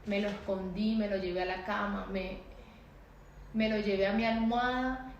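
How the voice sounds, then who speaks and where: A woman's voice: medium pitch, steady tone, moderate pace, dull audio, slight background noise. Emotional woman telling her story, echoey room. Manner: emotional, repetitive, pleading. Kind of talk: personal testimony.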